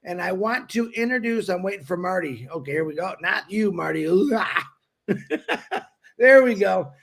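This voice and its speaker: Gravelly, effusive man introducing a guest. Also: sits high, animated, measured pace, fairly bright tone. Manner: effusive, chuckles between phrases. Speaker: livestream co-host introducing guests. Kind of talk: casual chat and guest introduction.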